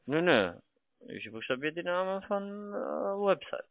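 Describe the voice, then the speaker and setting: Sing-song and unhurried, a call centre investment salesman with a higher voice makes his pitch over the telephone. He isn't a native German speaker and his talk is wordy, repetitive and clumsily phrased. The phone audio is thin, band-limited and dry, with no room sound.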